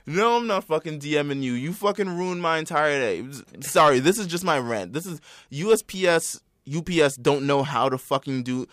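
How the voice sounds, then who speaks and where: A young man, telling a story as a profane, animated rant in casual chat. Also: fairly high pitch, normal speed, few pauses, no room sound, studio quality. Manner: swears a lot, animated storytelling.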